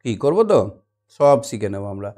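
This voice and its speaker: A man's voice: medium pitch, lively intonation, fast, darkish tone. A man teaching a children's reading lesson, coaxing small children and asking them to repeat after him in a sing-song way. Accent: Bengali (West Bengal).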